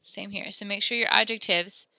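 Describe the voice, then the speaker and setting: Bright, gravelly woman teaching French. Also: medium pitch, steady tone, normal speed, no echo, studio quality. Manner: encouraging, patient, explains step by step. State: slightly out of breath. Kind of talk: online class instruction. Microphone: headset or desk mic close up.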